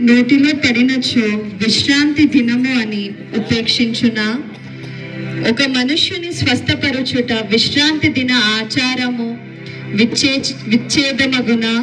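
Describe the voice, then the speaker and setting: A man playing a calm teacher speaking to his disciples in a stage play, in a measured, archaic preaching manner, recorded from afar with music. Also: very high voice. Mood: solemn. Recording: distant mic, music behind.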